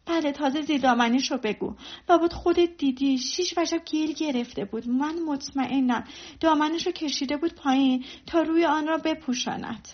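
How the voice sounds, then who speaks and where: A woman's voice: sits high, hardly any pauses, pitched above the performer's own voice, close to an everyday voice. A woman voicing a gossiping, disdainful married lady in a storybook reading. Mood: gossipy. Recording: dull lo-fi recording.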